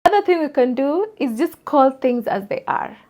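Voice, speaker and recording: High-voiced woman, emphatic podcast talk. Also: expressive, moderate pace, a little mellow, slight background noise. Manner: emphatic, forthright, addresses listeners directly. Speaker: podcast host. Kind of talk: solo opinion monologue.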